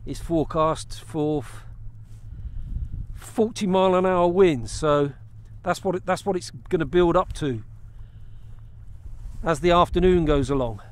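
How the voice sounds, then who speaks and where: Middle-aged man, slightly high voice, casual explaining, restarts phrases, kayak on open water. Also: measured pace, long pauses. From England. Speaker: fishing vlogger. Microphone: action camera mounted on the kayak.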